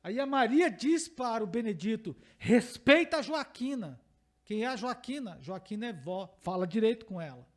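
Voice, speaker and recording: A man's voice: high-pitched, lively intonation, a little fast, few pauses. A male pastor with a Brazilian Portuguese accent, giving a teaching sermon to a congregation, emphatic and repeating key phrases while asking the listeners questions.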